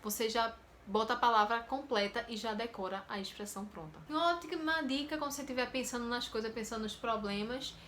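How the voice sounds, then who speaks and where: A Brazilian woman teaching English in a casual video lesson, lively and acting out inner thoughts, often repeating words. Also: a little high, brisk, a little hiss or hum. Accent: Brazilian Portuguese. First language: Portuguese.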